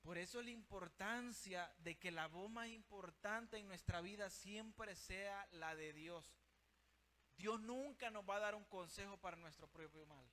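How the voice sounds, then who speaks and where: Fervent high-voiced male preacher. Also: measured pace, pushed and bright, slight background noise. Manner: fervent, addresses listeners as brother and sister. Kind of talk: sermon.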